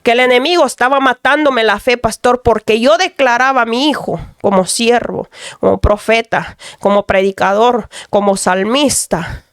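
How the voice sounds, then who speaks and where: A woman's voice: fairly high pitch, moderate pace, clear, resonant tone, no echo, studio quality. A mother gives an earnest testimony, often addressing the pastor. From Dominican Republic. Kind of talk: radio testimony.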